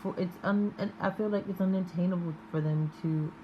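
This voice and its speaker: A woman giving an improvised, intimate tarot reading in a halting, musing manner with drawn-out pauses. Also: lowish voice, steady tone, highs cut off, slight background noise. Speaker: tarot reader.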